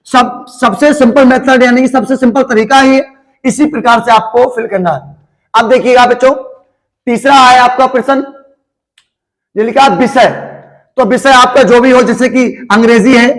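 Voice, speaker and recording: Patient high-voiced male teacher. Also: low-quality recording. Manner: patient, repeats each step slowly and addresses students as children. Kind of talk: classroom-style lesson for students.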